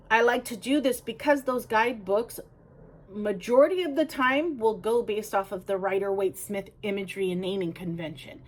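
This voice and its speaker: A woman reviewing a tarot deck in a casual, chatty way, talking straight to her viewers and correcting herself as she goes. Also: mid-range voice. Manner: chatty, self-correcting, talks to viewers directly. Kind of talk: casual review and flip-through.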